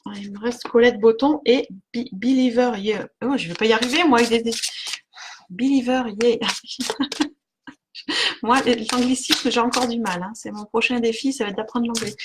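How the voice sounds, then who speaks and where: A woman's voice: a little high, steady tone, moderate pace, pauses often, background noise. A woman giving an oracle card reading on a live stream, chatting with viewers by name, with lots of fillers and little laughs.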